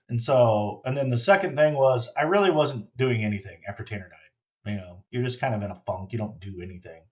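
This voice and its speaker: A middle-aged man telling a personal story in a casual, halting way, often repeating words and restarting as he reflects. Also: medium pitch, a little mellow. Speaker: grieving father telling his story.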